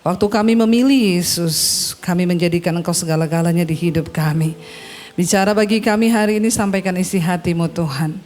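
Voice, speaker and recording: A woman's voice: on the low side, fairly quick, darkish tone. A woman pastor preaching a sermon to her congregation, exhorting them in call-and-response and mixing casual asides with formal prayer.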